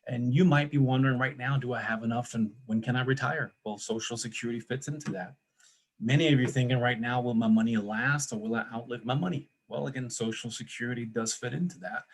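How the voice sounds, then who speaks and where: A man's voice: mid-range voice, fast, husky. A man in his forties from Denmark, a financial planner moderating a webinar, telling his story in a conversational way with many fillers. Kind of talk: casual personal introduction.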